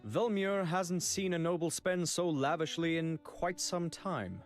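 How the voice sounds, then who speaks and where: An actor voicing a theatrical male auctioneer at a noble banquet who announces bids in drawn-out calls. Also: a little high, dry recording, natural voice. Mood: announcing. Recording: game audio with music behind.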